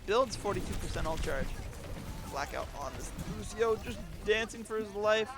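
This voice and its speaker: Young guy casting esports, high voice with a gravelly edge, hyped and goofy. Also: normal speed. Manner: excitable and jokey. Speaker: esports commentator. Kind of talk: live play-by-play commentary.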